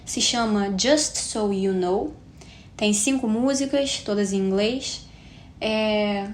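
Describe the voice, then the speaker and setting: With a mid-range, darkish voice and a Carioca Brazilian Portuguese accent, this woman in her twenties from Rio de Janeiro hosts her own podcast. She's chatty and reflective, tossing in tag questions often, and the audio carries a roomy echo with faint hiss.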